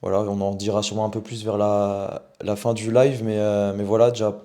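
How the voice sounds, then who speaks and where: A young French man with a low, mellow voice. He co-hosts a live football chat stream, chatting loosely and trailing off into fillers. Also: flat delivery, a little fast. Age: young adult. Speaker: co-host.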